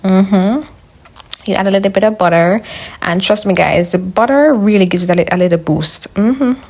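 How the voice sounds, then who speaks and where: A woman's voice: medium pitch, fairly quick, a little mellow. A woman with a Jamaican accent giving a chatty, instructional voice-over as a home cook talking to her viewers. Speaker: home cook, video host. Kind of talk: casual cooking voice-over.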